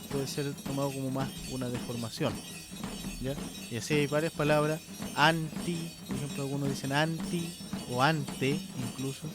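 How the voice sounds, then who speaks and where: A man hosting a radio lesson on language sounds, explaining slowly and checking in often with short questions. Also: mid-range voice. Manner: unhurried, checks in with frequent "¿ya?" and "¿cierto?". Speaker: radio host teaching the language.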